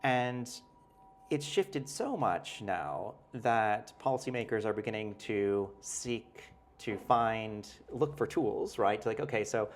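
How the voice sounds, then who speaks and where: The guest here is a male professor whose fairly low voice is animated yet slow. In this conversational interview he thinks aloud, hedging, restarting often and asking "right?" along the way.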